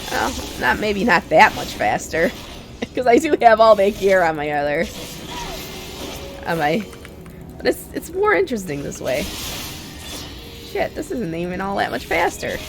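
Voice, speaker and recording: A woman gives casual commentary as she plays a game. She sounds congested and sick, and talks bluntly with animated intonation. Soft music runs behind her. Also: mid-range voice, measured pace, vocal fry, pauses often, rough recording. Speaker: game streamer.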